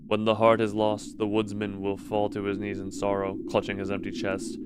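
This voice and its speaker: In a noisy setting, a man with a lowish, monotone voice talks at a normal speed. He's on a casual livestream, switching between reading story passages aloud and chatting with his live audience.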